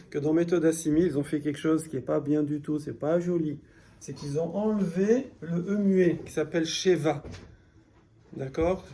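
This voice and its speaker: A man's voice: a little high, dark tone, slight background noise. A man teaching a beginner Hebrew class in French, explaining patiently and checking with his students as he goes. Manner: explains patiently, repeats key words, asks "d'accord?". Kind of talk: classroom lesson.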